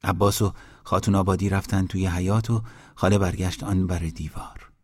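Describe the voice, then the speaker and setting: A man narrating a story in a steady, measured reading. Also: deep voice, breathy edge.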